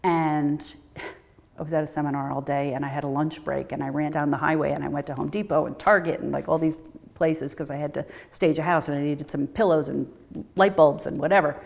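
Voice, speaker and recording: A middle-aged woman with a low, deep-set voice tells a personal story as a guest in a conversation. She animates it by acting out what people said, her pitch leaping up for the quoted lines. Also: a little fast, gravelly. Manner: animated, acts out quoted dialogue with big pitch jumps.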